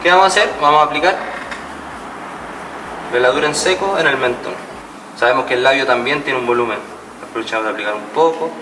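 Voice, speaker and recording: A man's voice: medium pitch, fast talker, pauses often, noisy background. Man teaching mural painting. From Chile. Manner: explanatory, checks in with "¿cierto?". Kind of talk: step-by-step painting demonstration. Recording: roomy, distant mic, music behind.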